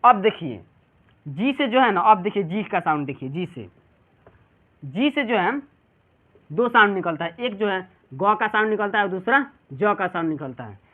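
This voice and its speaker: In this pronunciation lesson, the teacher, a man with a Bihari Hindi accent, speaks high and sing-song at a moderate pace, the sound tinny like a phone. He keeps questioning his students only to answer himself.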